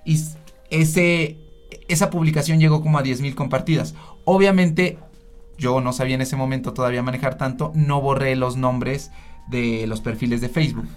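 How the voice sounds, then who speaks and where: A doctor who also creates health content for social media tells his personal story on a panel, joking and sarcastic throughout. He has a Mexican accent and a medium-pitched voice at a moderate pace.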